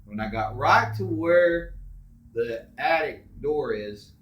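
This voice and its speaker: Animated middle-aged man telling stories. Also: mid-range voice, slow pace, roomy sound. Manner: animated, acts out quotes loudly. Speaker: father telling family ghost stories. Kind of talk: casual storytelling.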